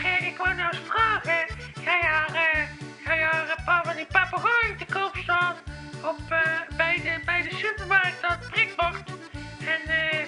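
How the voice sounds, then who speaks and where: A gushing radio show caller, played by a woman, rambles and giggles through her call with a very high, piping voice. She stumbles over her words. Music plays clearly behind her. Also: low-quality recording. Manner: rambling, giggly, full of hesitations. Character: smitten female radio caller, gushing fan of a singer. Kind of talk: comedy radio sketch acting.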